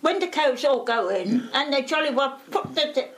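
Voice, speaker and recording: A woman's voice: high-pitched, lively intonation, normal speed. An older woman chatting in an interview, speaking with enthusiasm and wonder. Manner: enthusiastic, marvelling. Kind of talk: casual chat.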